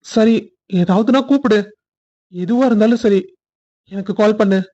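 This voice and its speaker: A woman's voice: medium pitch, moderate pace, warm tone, highs cut off, close to an everyday voice. A woman voicing a caring young man in a family cartoon, earnest and reassuring. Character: young man, caring groom and protective brother figure. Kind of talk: cartoon voice acting.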